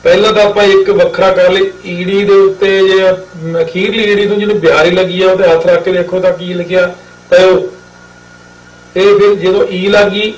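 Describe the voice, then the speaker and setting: A high-voiced man leads a scripture reading lesson, chanting verses slowly and then explaining them quickly. His voice stays fairly even in pitch. It sounds echoey and is heard from a distance. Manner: slow drawn-out recitation, then quick explaining. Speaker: Sikh scripture teacher. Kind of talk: recitation and pronunciation lesson.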